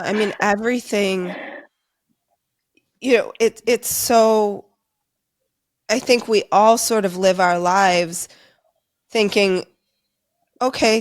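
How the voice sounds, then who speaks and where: A woman's voice: mid-range voice, no echo, clean studio sound. A woman hosting a podcast interview, speaking in an empathetic, thoughtful way and explaining her points at length. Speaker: podcast host. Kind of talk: casual interview conversation.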